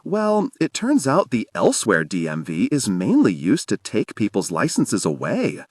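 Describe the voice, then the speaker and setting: A man's voice: on the low side, wildly swooping pitch, moderate pace, no room sound, studio quality. A man voicing a cool, guarded teenage girl in an audiobook, speaking in a matter-of-fact way. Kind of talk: audiobook character voice.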